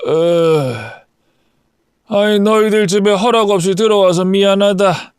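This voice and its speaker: A man's voice: high voice, a little slow, clean tone, no room sound, studio quality, pitched above the performer's own voice. A man voicing a crude old ex-convict father-in-law who bellows threats and then whines for forgiveness, in an audio story. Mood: pleading.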